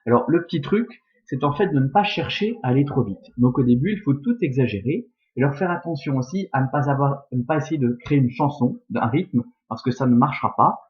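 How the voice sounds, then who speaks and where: A man's voice: mid-range voice, lively intonation, fairly quick, hardly any pauses, dull audio. A man carefully explaining, step by step, how to read and scan Latin verse aloud.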